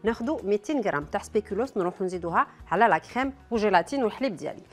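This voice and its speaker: A woman's voice: mid-range voice, expressive, very fast, soft background music. A woman with an Algerian accent presenting a cooking demonstration, chatting straight to her viewers with frequent asides.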